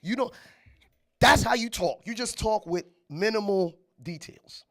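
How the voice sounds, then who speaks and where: High-voiced argumentative man podcaster. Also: measured pace, creaky. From New York. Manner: animated, argumentative, laughs often. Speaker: podcast co-host. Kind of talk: casual chat.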